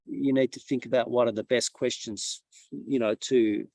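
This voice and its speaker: A man on an online webinar panel, explaining his points in a measured way with a few restarts. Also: medium pitch, steady tone, creaky, a little mellow, dry recording. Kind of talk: casual online webinar talk.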